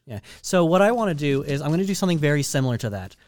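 Clear-voiced man rambling through plans. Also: fairly high pitch, expressive, very fast, darkish tone, no echo. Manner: rambling, many ums and uhs. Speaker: podcast host running trivia. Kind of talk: casual chat.

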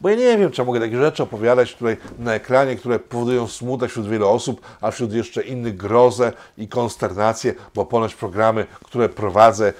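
A man's voice: lowish voice, steady tone, moderate pace, hardly any pauses. A man hosting a sarcastic commentary monologue, mocking and meandering, with many filler sounds. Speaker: host of a political commentary show.

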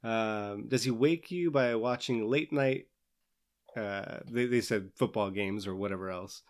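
A young man co-hosting a casual podcast chat. He reads prompts from a list in a relaxed way and laughs often. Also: lowish voice, a little slow. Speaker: podcast co-host.

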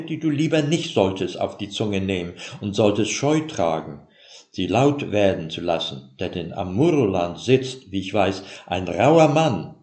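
A man's voice: lowish voice, darkish tone. A man voicing a sly older father-in-law who lectures in a pompous, scolding way. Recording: roomy echo.

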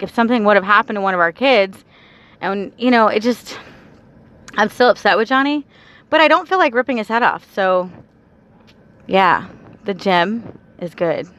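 A woman's voice: mid-range voice, animated, moderate pace, a bit bright, poor audio. A woman in her thirties chatting casually to her viewers in an exasperated, venting way, recording from a car. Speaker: vlogger. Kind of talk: casual vlog chat. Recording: car and street noise behind.

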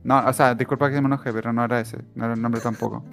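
Chilean guy talking fast n slangy, losing his words, music faint behind. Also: mid-range voice, little pitch movement, creaky, fairly bright tone. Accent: Chilean Spanish. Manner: quick, slangy, fumbling for words. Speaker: podcast co-host. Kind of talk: casual chat.

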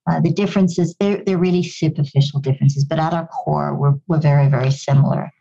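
A woman with a deep, warm voice, breathy at the edges and marked by vocal fry, talks briskly with fairly even intonation; the audio is dull. She comes from Goa and was raised in Kenya, which shows in her slight English-tinged Kenyan accent. She answers a podcast interviewer earnestly and reflectively, repeating words whenever she restarts.

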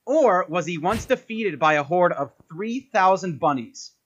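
A man's voice: high voice, animated, measured pace, lo-fi sound. A man hosting a casual podcast quiz game, upbeat and teasing, often laughing.

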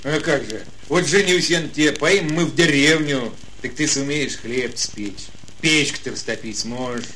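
An actor playing a cocky, naive young peasant lad in a fairy-tale audio drama, blunt and folksy. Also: male voice, mid-range voice, moderate pace, pushed and bright, slight background noise, lightly acted, poor audio. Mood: doubtful, scolding.

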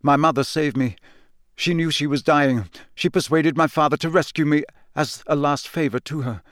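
A man voicing a drugged young man who confesses in a flat, expressionless monotone. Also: on the high side, moderate pace, no echo, clean studio sound, pitched above the performer's own voice, lightly acted. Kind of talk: audiobook character voice.

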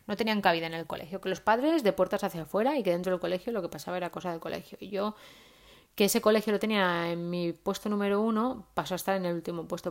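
A woman, giving parenting advice in a casual, chatty monologue with frequent "¿vale?" tags. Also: on the low side. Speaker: parenting vlogger.

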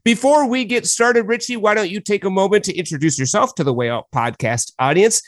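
A man's voice: high-pitched, fairly quick, dry recording, clean studio sound. A man hosting a recovery podcast, reading an enthusiastic scripted introduction. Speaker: podcast host. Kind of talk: scripted intro then interview.

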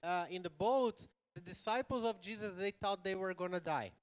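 Church interpreter, male, slow and smooth, fairly high voice. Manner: rephrases the preacher line by line, with small grammar slips. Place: church hall.

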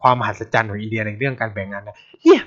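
A man's voice: on the low side, racing. A man from Thailand, a podcast host telling stories in blunt, casual chat full of swearing. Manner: blunt, swears a lot, animated. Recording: dull lo-fi sound.

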